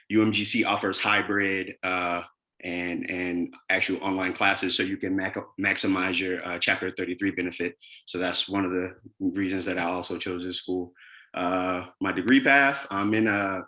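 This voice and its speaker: A man in his twenties introducing himself to a class on a video call, speaking in a steady, orderly and polite way. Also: low-pitched. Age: 20s.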